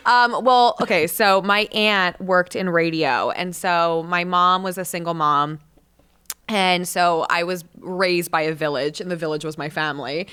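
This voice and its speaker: A woman in her late twenties, a podcast guest, telling stories in a lively, laughing way and acting out quotes. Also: lowish voice, measured pace, smooth. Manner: animated storyteller, laughs often, acts out quotes. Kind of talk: casual chat.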